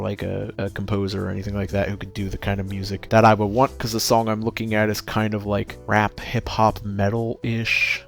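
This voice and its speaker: A man's voice: lowish voice, gravelly. A man talking casually in a rambling solo vlog, often correcting himself and breaking off mid-sentence. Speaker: vlogger.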